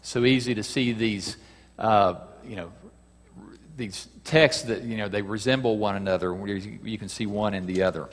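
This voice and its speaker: A man's voice: fairly low pitch, fairly even intonation, normal speed. A man teaching a Bible lesson as a sermon, talking with the listeners in a conversational way, asking them questions and reading passages aloud. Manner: acts out quoted cries with a raised voice. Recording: long hall reverb.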